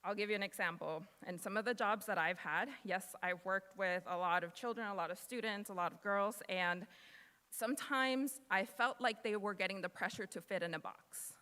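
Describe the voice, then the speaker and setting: Speaking at normal speed in a mid-range, pushed and bright voice, a woman in her twenties from the United States, a native Spanish speaker, addresses students as a guest speaker. The motivational talk is earnest and casual, full of fillers and laughs, and echoes with long hall reverb.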